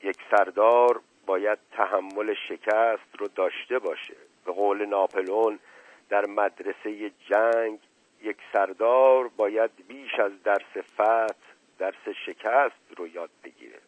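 A man's voice: on the low side, steady tone, no echo, close to an everyday voice. A man doing a pompous old patriarch. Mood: weak, grave. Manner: grave, lecturing and self-important. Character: older male patriarch, pompous and paranoid. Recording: tinny narrow-band radio sound, dry.

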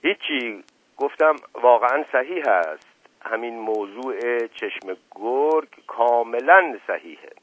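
A man's voice: medium pitch, lively intonation, no echo, natural voice. Sly, flirtatious teasing nobleman, read by a man. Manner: mumbling asides, mock piety, teasing. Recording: dry, tinny lo-fi radio recording.

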